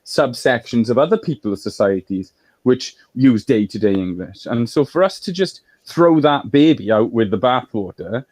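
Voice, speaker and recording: A man's voice: medium pitch, expressive, moderate pace, darkish tone, no echo. A man from Wales in a political discussion, explaining at length in a lecturing way.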